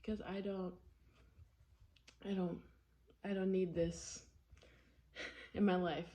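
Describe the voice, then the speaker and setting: A woman's voice: on the low side, level tone, takes it slowly, mellow. A woman talking casually in a personal vlog, candid and rambling, often repeating herself for emphasis. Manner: candid, rambling, with frequent repetition. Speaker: vlogger.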